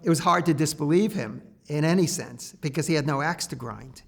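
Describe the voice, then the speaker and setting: An older man telling his story in an unhurried, reflective documentary interview. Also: on the high side, creaky. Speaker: interviewee, former science writer.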